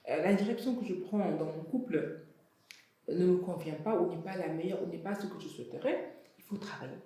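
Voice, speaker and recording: A woman's voice: fairly low pitch, fairly quick. Young woman from senegal and benin, guest on a studio show, frank and chatty, lots of uhs, sounds far off in a big echoey room. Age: young adult. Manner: frank, animated, many hesitations. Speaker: guest, fashion entrepreneur. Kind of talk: casual interview talk. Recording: very echoey room, distant mic.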